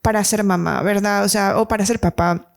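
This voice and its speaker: A woman from Ecuador telling her life story as a podcast guest, animated and laughing often, acting out what people said to her. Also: moderate pace, gravelly. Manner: animated, acts out quoted dialogue in a much higher voice, laughs often. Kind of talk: casual personal storytelling.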